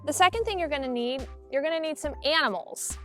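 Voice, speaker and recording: An elementary school teacher, a woman, giving a clear, upbeat video lesson to children, demonstrating as she goes. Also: high-pitched, quick pace, fairly bright tone, soft background music.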